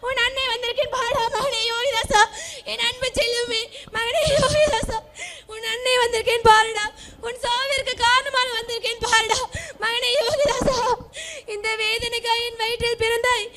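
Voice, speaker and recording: A woman's voice: very high voice, pushed and bright. A school student voicing a grieving queen mother who wails and sobs over her lost son in a stage play. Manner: wailing lament, sobbing.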